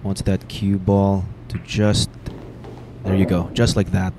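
Deep, slow, flat-voiced male commentator. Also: heavy background noise. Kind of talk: billiards commentary.

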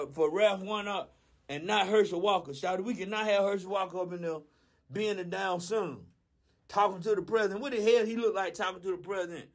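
Man playing a high-pitched, fast-rambling fool; profane, slangy and full of filler. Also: a bit bright. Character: dim-witted, loudmouthed Southern man. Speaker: comedy radio character. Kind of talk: comic monologue.

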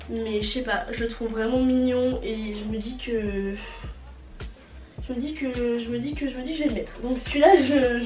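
Filmed by a fixed camera at table distance in her bedroom with a closet, a young woman with a cold talks casually for her fashion vlog. Her nasal, congested voice sits on the high side, and she repeats words to stress them. Faint music plays in the roomy indoor audio.

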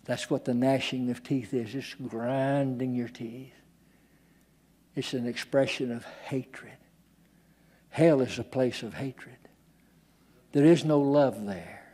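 A man's voice: mid-range voice, slow pace, pauses often, mellow. An older male pastor preaching a sermon in a church, dramatic and acting out the voices he quotes.

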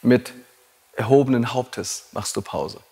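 A man's voice: medium pitch, measured pace, mellow. A man teaching yoga teacher trainees in a blunt, provocative way and laughing at his own jokes. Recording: long hall reverb.

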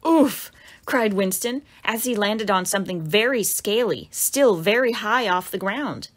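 The author of a children's picture book, a woman, reads it aloud in an expressive storybook style with dramatic exclamations aimed at kids. Her pitch is medium and her delivery unhurried.

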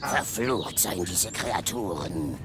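An actor playing a haughty, scheming alien commander in a video game, pompous, theatrical and disdainful. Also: male voice, sits low, expressive, slow, background noise. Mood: commanding.

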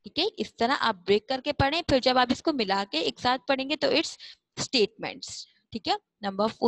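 A woman teacher with a fairly high voice walks young pupils through a lesson. She drills each word slowly and repeats it again and again, recorded close and dry with no room sound. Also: no room sound, poor audio. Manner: slow, repetitive, coaxing explanations. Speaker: school teacher. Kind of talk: classroom lesson.

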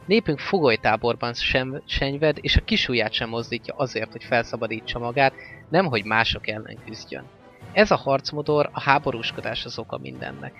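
A man voicing a fierce, weary male orc warlord in a stern, forceful manner, on a slightly dull recording with faint music. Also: medium pitch, animated. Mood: grim.

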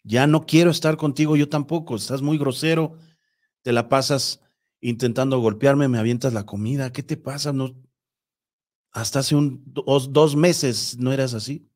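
A man's voice: mid-range voice, steady tone, normal speed, darkish tone, natural voice. A man doing a hurt middle-aged wife. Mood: hurt, firm. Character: upset middle-aged wife, pleading then firm.

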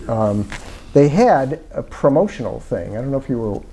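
In a small parlor-style room, an older man wearing a lapel mic is interviewed as an author, and the talk is casual, reflective and meandering, with many fillers. His mid-range voice is mellow and sing-song at a moderate pace. Slight background noise is audible.

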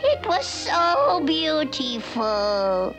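A woman voicing a scheming old sea witch in a vintage cartoon, theatrical and wicked, with a creaky cackle. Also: high-pitched, wildly swooping pitch, very slow, music in the background, exaggerated voice. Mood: falsely sweet. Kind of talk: vintage cartoon villain acting.

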